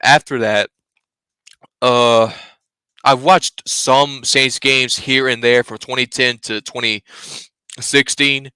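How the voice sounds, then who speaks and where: A man's voice: medium pitch, fairly even intonation, slow pace, pauses often, sharp tone, clean tone, no echo. Blunt, profane young man on a live stream. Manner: blunt, swears freely, rambling. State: sneezing, stuffy. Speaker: fan channel host. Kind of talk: casual live-stream chat.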